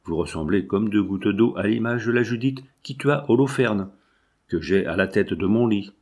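A man's voice: lowish voice, moderate pace, darkish tone, slightly rough. A man reading the lines of an old, paralysed peasant woman, a spinner, anxious and nearly maternal. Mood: alarmed.

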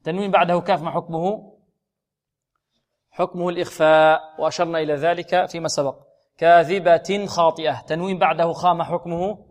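A man teaching a Quran recitation lesson, asking questions and answering them himself, and drawing out the recited words slowly. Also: a little high, steady tone.

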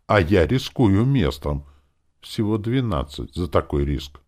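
A man voicing a brisk, bargaining young woman clerk. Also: low-pitched, very animated, a little mellow, pitched above the performer's own voice, full character voice. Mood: haggling. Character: young woman guild clerk, cautious and businesslike. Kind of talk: audiobook reading.

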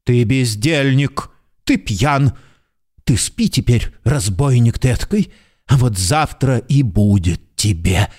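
Anxious clerk, radio drama, male actor; wildly swinging intonation, pleading turning to shouted insults. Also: medium pitch, lively intonation, takes it slowly. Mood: muttering. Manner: agitated, pleading, bursts into shouting abuse. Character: nervous, excitable middle-aged male clerk.

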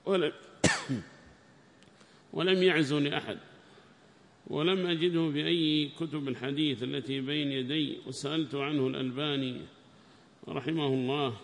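Man teaching a tafsir lesson in a hall. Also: mid-range voice. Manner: reads text aloud in a raised voice, then explains quietly. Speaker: Islamic scholar teaching tafsir. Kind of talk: classroom lesson commentary.

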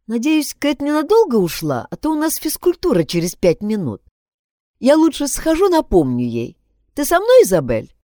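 A woman's voice: high-pitched, huge pitch swings, normal speed, dark tone, dry recording, studio quality, voice pushed up. A woman reading an audiobook, voicing an earnest, concerned teenage schoolgirl. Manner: earnest, urging.

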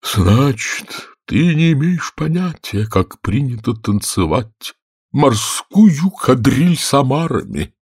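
A man voicing the weepy, melancholy Mock Turtle in an audiobook, with a sobbing, drawn-out sing-song delivery. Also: mid-range voice, very animated, a little mellow, husky, dry recording, clean studio sound, voice pushed up, heavily acted. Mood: tearful. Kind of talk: audiobook character voice.

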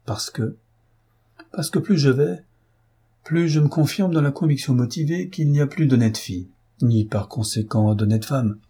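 A worldly gentleman speaks in a storybook reading, as a man voices him. He sounds half serious and half ironic, coaxing and wry. His voice is mellow and warm, with a husky edge. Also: medium pitch, lively intonation, normal speed. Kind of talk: audiobook reading.

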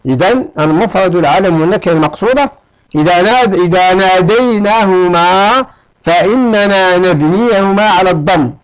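A man's voice: high voice, low-quality recording. A man teaching a grammar lesson. He repeats his examples and checks on his listeners with a short "ha?" as he explains.

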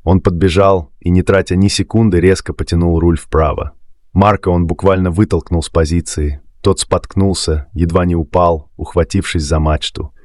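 A man reading a dramatic sea story aloud as a narrator, in a steady storytelling manner. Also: sits low, normal speed, dry recording, studio quality. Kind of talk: scripted narration.

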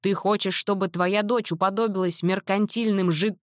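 A woman reading an audiobook, voicing a stern, quick-tempered middle-aged father who talks in loud, slow, emphatic outbursts. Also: medium pitch, steady tone, dry recording, clean studio sound, close to an everyday voice. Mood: bitter.

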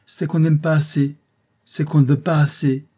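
A man's voice: medium pitch, moderate pace, warm tone, natural voice. A man reading a novel aloud and voicing a proud, strong-willed young actress who speaks curtly and with command. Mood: firm. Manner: curt, commanding, defiant.

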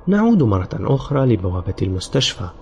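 Deep-voiced man narrating a grim story. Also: sing-song, quick pace, gravelly, a little mellow, a little hiss or hum. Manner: grave storytelling, sometimes voicing characters. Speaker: audiobook narrator. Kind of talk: dramatic scripted narration.

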